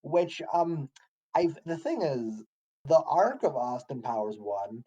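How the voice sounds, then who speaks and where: A man's voice: animated, takes it slowly, mellow, breathy edge, lo-fi sound. A young man co-hosting a podcast, chatting loosely with slang and swearing. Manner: loose, slangy, swearing, laughing at lowbrow jokes. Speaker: podcast co-host. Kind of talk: casual chat.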